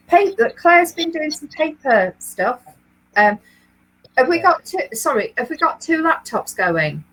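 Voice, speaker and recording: Co-hosting a knitting livestream from her home, a Leeds woman from England chats casually, reading out viewer comments with lots of ums and easy laughter. Her voice is a little high and fairly bright, and the recording is rough.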